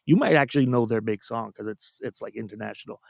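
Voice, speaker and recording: A Canadian music producer, guesting on a casual podcast, tells long self-deprecating anecdotes with frequent restarts. His voice is fairly low, fast and creaky. The sound is clean studio quality with no echo.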